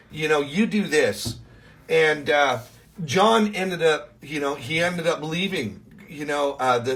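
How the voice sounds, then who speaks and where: A man with a fairly high voice tells an animated testimony as a minister. He talks in excited bursts and trips over his words as he restarts sentences. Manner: excitable, restarts often, keeps saying he was freaking out.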